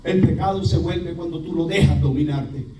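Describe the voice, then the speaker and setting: A priest with a Puerto Rican accent giving a lively sermon, telling stories and imitating voices. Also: male voice, fairly high pitch, normal speed. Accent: Puerto Rican Spanish. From Puerto Rico. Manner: lively storytelling preacher, mimics voices, laughs. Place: church hall. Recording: roomy, distant church recording with faint hiss.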